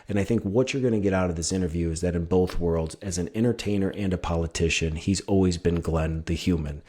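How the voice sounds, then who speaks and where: Male podcast host, thirties, low voice, upbeat and chatty, casual interview tone. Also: fast talker, warm tone. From upstate New York. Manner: enthusiastic, chatty with fillers.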